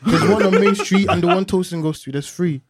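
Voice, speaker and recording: A man's voice: high voice, fairly quick, over a noisy crowd. A young man in casual chat, chiming in and repeating words for emphasis.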